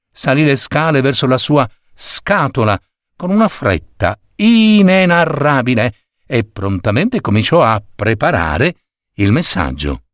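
Slow, expressive male storyteller. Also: mid-range voice, no echo, studio quality. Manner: unhurried, expressive, with slips and self-corrections. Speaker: narrator. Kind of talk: storybook reading.

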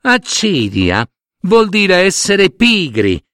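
Man doing super squeaky tiny ant voices, plucky and proud, storybook. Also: huge pitch swings, takes it slowly, a bit bright, no room sound, studio quality, full character voice. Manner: squeaky, pleading, earnest. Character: tiny hard-working female ants, proud and plucky.

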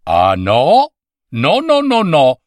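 A man's voice: high voice, big pitch swings, takes it slowly, a bit bright, no room sound, studio quality, pitched above the performer's own voice, heavily acted. A man voicing an indignant, touchy number nine who protests and scolds in an offended tone.

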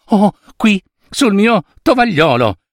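A mischievous young peasant girl from a fairy tale chatters in a high, squeaky voice, as a man puts her on. She hurries and pleads, her voice jumping all over. The sound is dry and close. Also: sing-song, no room sound, full character voice. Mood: sweet. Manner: rushed and pleading.

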